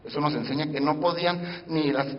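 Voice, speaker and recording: Male pastor mid-sermon, higher-pitched, shifts between loud and hushed, quizzes the congregation, muffled recording in a reverberant church. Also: steady tone, a little fast. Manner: preaching with sudden swings between loud emphasis and hushed asides; addresses the congregation directly with questions. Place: church sanctuary.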